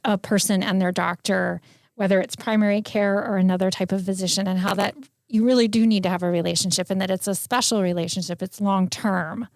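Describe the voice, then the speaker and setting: A woman's voice: medium pitch, steady tone, brisk, darkish tone, no echo, studio quality. Woman co-host chiming in. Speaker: podcast co-host. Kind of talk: interview hosting.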